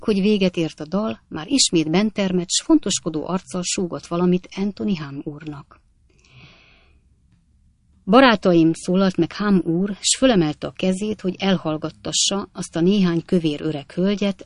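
A woman narrating an audiobook in a measured storytelling delivery. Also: fairly low pitch, no echo. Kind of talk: scripted narration.

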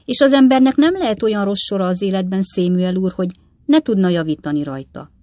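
A woman's voice: medium pitch, mellow, no room sound, close to an everyday voice. A woman voicing a plump, widowed cook in an audiobook, talking in a wheedling, coaxing way.

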